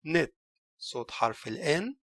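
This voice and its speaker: A man's voice: on the high side, big pitch swings, unhurried, fairly bright tone, no room sound. A man with an Egyptian Arabic accent teaching English letter sounds, saying each letter and word and then explaining it. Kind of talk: recorded language lesson.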